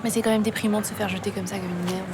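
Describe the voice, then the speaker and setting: An actress playing a discouraged young job-seeker. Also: female voice, medium pitch, fairly even intonation, rapid-fire, background noise, natural voice. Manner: glum, discouraged. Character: young woman, jobless and downhearted. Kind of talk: TV soap drama.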